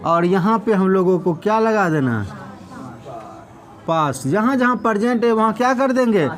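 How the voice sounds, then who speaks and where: A male English teacher, teaching a classroom of students and constantly firing quick questions at them. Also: high voice, expressive. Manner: dictates slowly, repeating words. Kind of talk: classroom lesson.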